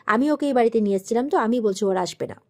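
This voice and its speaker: A woman's voice: a little high, very fast, natural voice. A woman reading the lines of a hurt young husband who snaps at his family. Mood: angry. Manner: curt, snapping. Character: angry heartbroken young husband.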